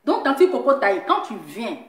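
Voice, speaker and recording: Teasing woman, high lively voice. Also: moderate pace, echoey room. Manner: teasing, repetitive, laughing as she talks. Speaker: social media commentator. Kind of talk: mocking casual rant to viewers.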